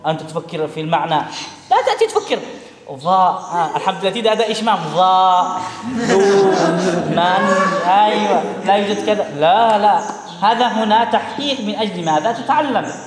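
A man's voice: high-pitched, animated, a little fast. A man teaching Quran recitation in a classroom, drilling his students with repeated questions. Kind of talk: classroom instruction. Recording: echoey room with long reverb.

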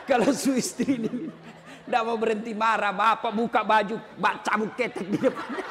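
High-voiced, joking male preacher. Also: in a large hall, noisy background. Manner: joking and emphatic, acting out quotes. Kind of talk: sermon.

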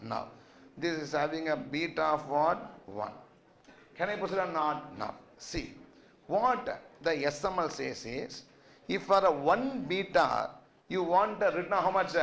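A man's voice: a little high, gravelly, a bit bright. A man with a Tamil accent lecturing a finance class interactively, constantly quizzing and checking that everyone follows. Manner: quizzing, repeatedly asking questions and checking understanding. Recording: echoey classroom sound.

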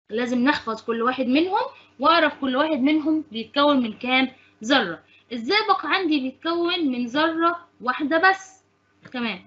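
High-voiced Egyptian woman teaching science. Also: fairly bright tone, highs cut off. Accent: Egyptian Arabic. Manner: asks and answers her own questions, repeats points. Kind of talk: classroom lesson explanation.

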